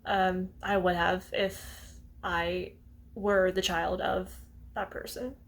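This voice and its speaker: A vlogger in her twenties talks casually to camera, her lowish voice slow and flat in pitch. She's hesitant and rambling, often slipping into small laughs.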